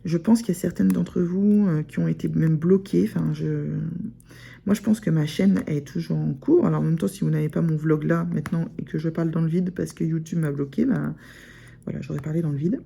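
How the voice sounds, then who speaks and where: Speaking fairly quickly in a deep, warm, gravelly voice with a breathy edge and fairly even intonation, a sewing vlogger chats to camera. Her accent is Picard (Ch'ti) from northern France, and her casual talk rambles with many fillers and restarts.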